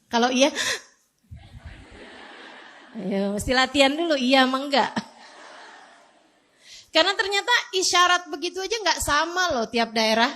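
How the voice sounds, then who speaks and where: Female preacher, high-pitched, slow and chatty, lively storytelling with frequent laughs. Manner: animated storytelling, laughs often. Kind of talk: storytelling religious talk.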